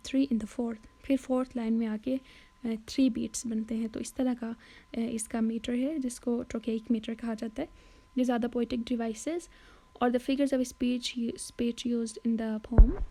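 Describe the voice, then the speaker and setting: A woman tutor walks through a poem in a casual lesson, pausing on fillers and correcting herself as she goes. Her voice sits a little high but sounds very dark and mellow, with a flat, even delivery. She slows right down whenever she reads a quoted line. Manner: hesitant, with frequent fillers and self-corrections. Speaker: literature tutor. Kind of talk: explaining a poem in a Hindi-English lesson.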